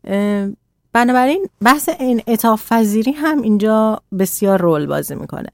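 A woman talking calmly as a radio guest, explaining parenting and boundaries in a measured way. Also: on the high side, no echo, studio quality.

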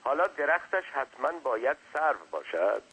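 A man's voice: mid-range voice, very animated, pushed and bright, husky, voice pushed up, heavily acted, poor audio. A man voicing an irritated master who speaks in short, curt questions. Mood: impatient. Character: impatient grown man, the master.

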